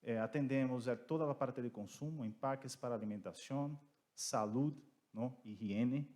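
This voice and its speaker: A man with a Brazilian Portuguese accent giving panel remarks in careful, deliberate Spanish mixed with Portuguese, as a native Portuguese speaker. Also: medium pitch, a little mellow. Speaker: petrochemical company representative, panelist. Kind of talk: prepared remarks at a conference panel.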